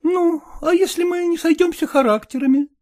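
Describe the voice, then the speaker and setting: A man putting on a brisk, frank young woman. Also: very high-pitched, a little mellow, pitched above the performer's own voice. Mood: insistent. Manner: brisk, coaxing, insistent. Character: lively, frank young woman setting terms.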